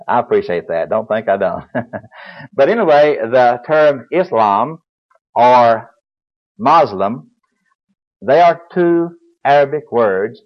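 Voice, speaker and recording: An older man preaching a Bible lecture, explaining in a folksy way and spelling words aloud. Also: medium pitch. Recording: dull lo-fi recording.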